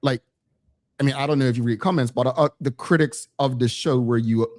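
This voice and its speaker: A man's voice: medium pitch, brisk, a little mellow. A man hosting a casual live interview, reading out comments and putting questions to his guest. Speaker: host, interviewer.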